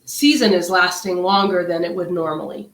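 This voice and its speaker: Speaking at a normal speed in a lowish voice, this middle-aged woman is congested and nasal as she co-hosts a laid-back wellness livestream. Her talk is chatty and meandering, full of filler words, with a crowd audible behind her in an echoey space.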